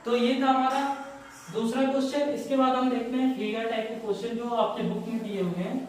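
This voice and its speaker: A man's voice: very high voice, fairly even intonation, fairly quick, a little hiss or hum. A man teaching a maths lesson, explaining step by step and often checking that students follow. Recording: echoey room, heard from a distance.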